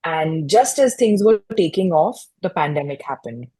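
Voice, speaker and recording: A woman's voice: low-pitched, animated, moderate pace, mellow, breathy edge. A young woman, a guest in a fireside chat, reflecting on her own experiences in a personal, storytelling way with frequent restarts. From India. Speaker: guest, mental health podcast host.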